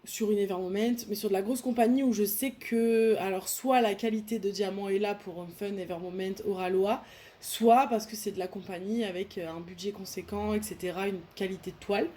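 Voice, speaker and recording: A young French woman who vlogs about diamond painting chats casually to camera while unboxing a craft kit. She thinks aloud, rambling and restarting sentences, in a medium-pitched, warm, steady voice at a brisk pace, with slight background noise.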